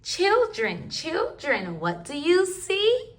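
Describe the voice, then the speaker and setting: A woman's voice: extremely high pitch, wildly swooping pitch, slow. A woman reading rhyming picture books aloud to toddlers in a sing-song, rhythmic way. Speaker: children's book reader.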